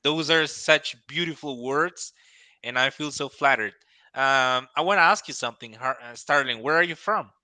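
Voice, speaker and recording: Bright-voiced male English teacher. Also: mid-range voice, unhurried, no echo.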